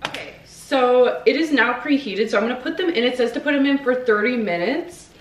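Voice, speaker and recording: A young woman talks casually on her cooking vlog, filling her speech with ums and likes. Her voice sits a little high and comes from some way off the mic. The kitchen is echoey, with a faint hum of room noise behind her. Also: brisk, far from the mic. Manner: chatty, hesitant, many ums and likes. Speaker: cooking vlogger. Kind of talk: casual chat. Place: home kitchen.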